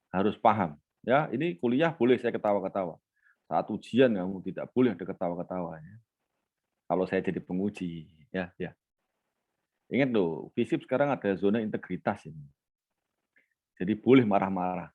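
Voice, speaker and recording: A man's voice: lowish voice, darkish tone, highs cut off. A male lecturer, teaching an online class and teasingly quizzing students by name.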